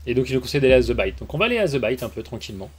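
A man's voice: mid-range voice, big pitch swings, very fast. A man streaming a game, casually reading the dialogue aloud and reacting with amused asides on a basic microphone. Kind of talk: casual let's-play commentary. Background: faint background music.

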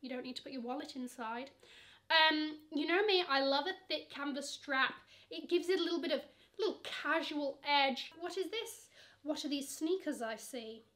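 A woman's voice: sits high, moderate pace, a bit bright. A young woman chatting through luxury online shopping, sassy and gushing, calling bags "she" while seated at her camera. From England. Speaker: fashion vlogger. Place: bedroom with shelves of shoes.

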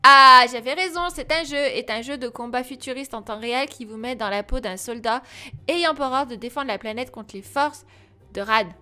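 A woman casually commenting on a video game, chatting and reading the dialogue aloud with quick asides. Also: fairly high pitch, a bit bright, faint music behind. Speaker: let's play gamer.

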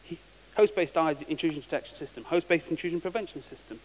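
Here a fast-talking man with a fairly high voice gives a technical talk at a conference, wry and casual, repeatedly restarting his words. The large conference hall gives the recording a reverberant sound with a faint hiss.

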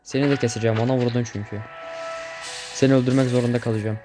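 A man's voice: medium pitch, little pitch movement, quick pace. Chatty young man commenting on a game. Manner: chatty, easily startled, swears and jokes at the game. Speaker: gameplay streamer. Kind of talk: casual gameplay commentary. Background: game music.

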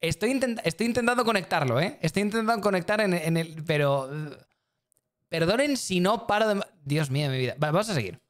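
A man's voice: high voice, expressive, a little fast, fairly bright tone. A man streaming, chatting casually and rambling, often repeating himself and talking straight to his chat. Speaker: streamer reacting to videos.

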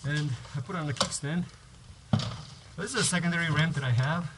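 This male vlogger's voice runs on the high side and his pace is brisk, with heavy background noise throughout. Wearing an action camera on his head outdoors by a garage on a home driveway, he rambles through a casual how-to, restarting sentences and going step by step.

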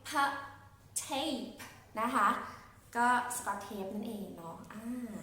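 Thai lady teaching phonics to little kids, kinda high voice, sounds far from the mic w/ a bit of hiss. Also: pushed and bright. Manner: slow, spells words letter by letter. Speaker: kindergarten English teacher. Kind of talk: phonics lesson for young children. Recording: echoey room, far from mic, faint hiss.

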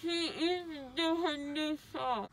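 A woman's voice: high-pitched, unhurried, a bit bright. A young woman chatting groggily and emotionally, rambling, her speech slurred and muffled by gauze in her mouth. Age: teenager or young adult. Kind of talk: casual chat. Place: inside a car. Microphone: handheld phone a short distance away. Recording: noisy car interior.

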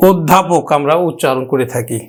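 A man with a Bangladeshi Bengali accent teaching a grammar lesson, addressing his students directly and slowly repeating each example word. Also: a little high. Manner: slow, drawn-out repetition of example words.

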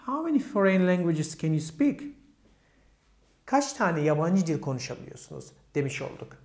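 A very animated man with a fairly high, darkish voice teaches English grammar to Turkish learners at a normal speed. He asks his students questions, answers them himself, and reads the English examples with a Turkish accent, explaining each point step by step. His room has an echo.

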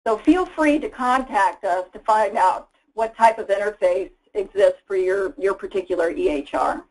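A woman's voice: medium pitch, normal speed, darkish tone, low-quality recording. A woman giving a casual, explanatory slide webinar presentation as a product presenter, with frequent fillers. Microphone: voice-over for slides.

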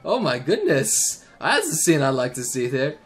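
A man hosting a let's play, reading a visual novel aloud and reacting with excitable, giggly asides and self-corrections. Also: medium pitch, moderate pace, faint music behind.

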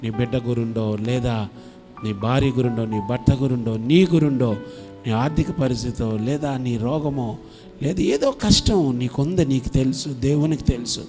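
A pastor from India preaching and leading prayer, moving from soft, murmured urging to loud, impassioned pleading. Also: male voice, mid-range voice, normal speed, soft background music. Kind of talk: sermon with altar call and prayer. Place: church sanctuary.

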